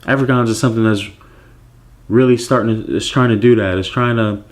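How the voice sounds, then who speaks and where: In a personal story monologue, a Nigerian-born man with a very low, steady voice recounts how his clothing brand got started. He speaks loosely and reflectively, pausing on fillers and restarting sentences while he thinks.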